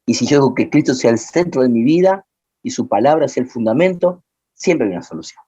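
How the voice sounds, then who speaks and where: A man with a Rioplatense Spanish accent, a pastor preaching a teaching sermon and telling stories in animated fashion. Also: mid-range voice, brisk, husky, highs cut off. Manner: animated storyteller, voices the people in his stories.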